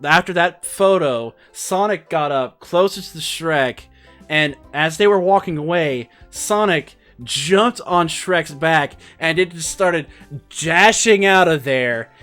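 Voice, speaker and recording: A young man vlogger telling a story in a casual, rambling way, excitable and full of fillers. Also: on the high side.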